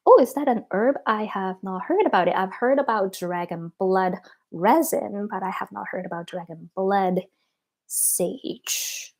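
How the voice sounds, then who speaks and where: A woman in her thirties talks casually to her viewers at an ordinary middle pitch. She reads out comments and answers them in a loose, friendly flow, full of "like" and "um" and small laughs. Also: darkish tone. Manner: chatty, frequent "like" and "um" fillers, laughs between thoughts. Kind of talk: casual livestream chat.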